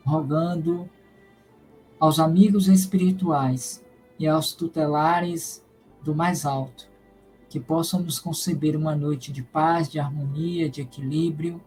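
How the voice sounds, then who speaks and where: A man from Salvador, Bahia, giving a spiritist lecture and leading a prayer in a slow, solemn, measured way. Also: on the high side, dark tone, rough recording. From Salvador, Bahia, Brazil. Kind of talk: devotional lecture and prayer in a live stream.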